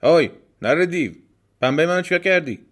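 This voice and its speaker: A man doing a shrill, spoiled storybook girl. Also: lively intonation. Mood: angry shouting. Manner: scornful shouting. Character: spoiled rude young girl, loud and shrill.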